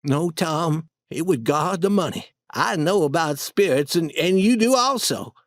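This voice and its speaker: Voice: mid-range voice, animated, a little slow, dry recording, studio quality, pitched above the performer's own voice, natural voice. A storybook reader voicing a timid, superstitious boy who speaks hesitantly and nervously.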